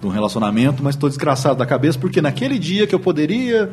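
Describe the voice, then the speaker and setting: A man's voice: on the high side, big pitch swings, fast talker, a little mellow, faint music behind. A man with a Brazilian Portuguese accent co-hosting a casual podcast chat over drinks, full of sarcastic wisecracks. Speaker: podcast co-host.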